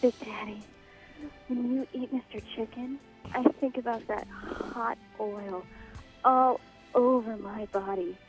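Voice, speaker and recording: A man's voice: very high voice, steady tone, slow, soft background music, heavily acted, rough recording. A man phoning a radio show, putting on a whispery, seductive woman's voice. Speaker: caller.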